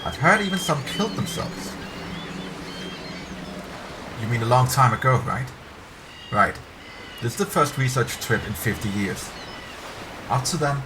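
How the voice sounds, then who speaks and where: Reading a story aloud, a man takes on the role of an uneasy young woman archaeologist, making her chatty, apologetic and hushed as she confides. He speaks naturally in a medium, animated voice at normal speed, pausing often, while ambient background noise is clearly present.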